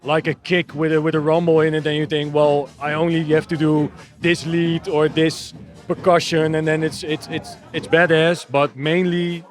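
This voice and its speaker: A man's voice: on the high side, level tone, normal speed. A Dutch man with a Dutch accent, a techno DJ and producer answering interview questions in a hesitant way with many restarts. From Netherlands. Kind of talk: casual interview.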